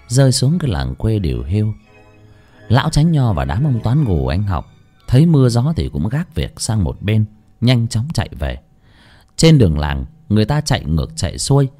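A man narrating a ghost story with a lively, dramatic reading. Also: on the low side.

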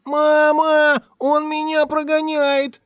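A spoiled, mischievous little boy, whining in a sugary, thin, very high voice that swoops up and down. He sounds cheeky and stubborn in this storybook reading, in a dry room. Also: big pitch swings, normal speed, no echo. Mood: wailing.

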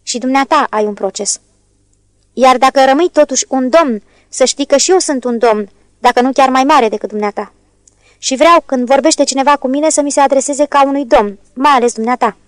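A woman's voice: high-pitched, no room sound, natural voice. A woman reading as a cringing male merchant. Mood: indignant. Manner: pleading, defensive. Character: timid cringing middle-aged male merchant.

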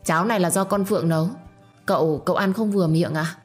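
A woman's voice: lowish voice, fast, husky, faint music behind. A woman voicing a sly young servant girl who talks eagerly and fawns over her masters. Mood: fawning.

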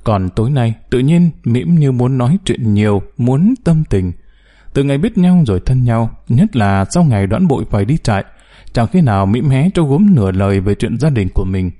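A man reading a story aloud as narrator, telling it in an expressive way. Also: mid-range voice, normal speed. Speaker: audiobook narrator.

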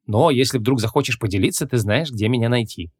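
A man's voice: mid-range voice, a little fast, darkish tone, breathy edge, natural voice. A man voicing a dreamy female police chief in an audiobook.

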